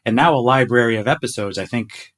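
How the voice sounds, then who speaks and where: This podcast host talks briskly in a mid-range, slightly bright voice from his home closet. He reads a scripted intro and then chats eagerly with his team, enthusiastic and self-deprecating, frequently stumbling on his words.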